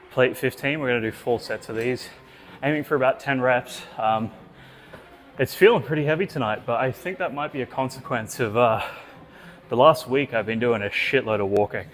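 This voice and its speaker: A man's voice: medium pitch, normal speed. A man vlogging his gym workout in a casual, sweary chat, out of breath between sets, recorded in an indoor gym. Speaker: fitness vlogger. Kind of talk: casual gym vlog narration.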